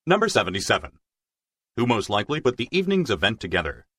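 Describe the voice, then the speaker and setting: A man reading scripted exam narration as a test narrator, in a formal, measured way. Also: lowish voice, huge pitch swings, pushed and bright, breathy edge, no echo, clean studio sound.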